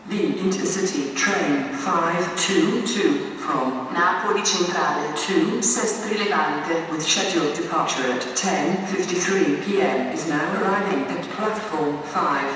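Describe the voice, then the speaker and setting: A woman making a train station loudspeaker announcement with slow, evenly spaced automated phrasing. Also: on the low side, a little hiss or hum. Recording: echoey station hall from far off.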